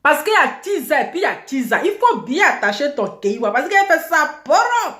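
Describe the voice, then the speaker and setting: A woman's voice: sits high, big pitch swings, a little fast, a bit bright, reverberant. A woman hosting a casual gossip vlog, introducing herself in a boastful, theatrical way with repeated catchphrases. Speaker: online video host.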